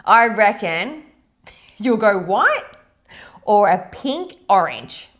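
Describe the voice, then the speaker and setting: A woman's voice: medium pitch, big pitch swings, slow pace, fairly bright tone. A woman hosting a podcast, bubbly and encouraging, laughing often as she chats. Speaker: podcast host. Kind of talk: casual chat.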